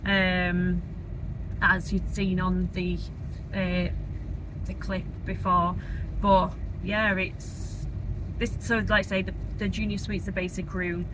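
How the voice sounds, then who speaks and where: A woman's voice: lowish voice, flat delivery, slow pace. Chatty Northern English woman vlogging in a car. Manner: informal, rambling, colloquial. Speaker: travel vlogger. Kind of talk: casual chatty vlog. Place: inside a moving car. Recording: clear car and road noise. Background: car engine and road noise.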